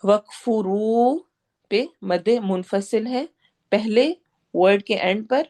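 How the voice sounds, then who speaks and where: A woman with a Pakistani Urdu accent leads a tajweed lesson in a patient teaching voice. She stretches each recited word slowly to show its sounds. Her explanations in Urdu are mixed with English terms. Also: medium pitch, darkish tone.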